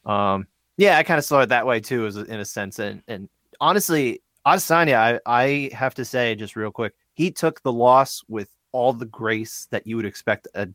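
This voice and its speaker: A man co-hosting a sports podcast in casual chat, animated and full of restarts and asides. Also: medium pitch, moderate pace, dry recording, clean studio sound. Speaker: podcast co-host.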